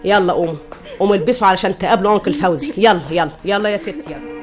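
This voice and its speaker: A woman's voice: medium pitch, rapid-fire, over loud music, lightly acted. An actress with an Egyptian accent playing a bossy widowed mother in an old radio drama, scolding and insistent. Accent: Egyptian Arabic.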